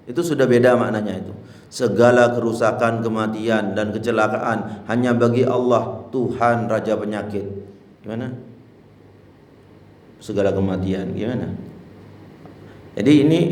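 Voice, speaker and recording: A man's voice: lowish voice, fairly even intonation, measured pace, long pauses, darkish tone, roomy sound. A male Islamic teacher giving a religious lesson on prayer, explaining plainly and breaking into chanted demonstrations. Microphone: handheld mic.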